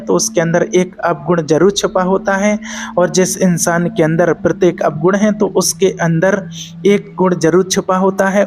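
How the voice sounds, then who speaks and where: A man's voice: sits high, noisy background. Male preacher telling a moral tale. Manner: measured, repetitive moral storytelling. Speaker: spiritual preacher. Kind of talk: spiritual storytelling discourse.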